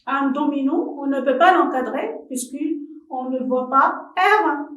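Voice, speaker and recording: A woman teaches a primary school French lesson for television, addressing young pupils with deliberate care. She speaks very slowly with a fairly high voice. The sound is roomy, with her voice a little off the microphone. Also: animated, a bit bright. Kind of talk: slow televised classroom lesson. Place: classroom or studio for televised distance teaching. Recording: roomy echo, voice from a distance.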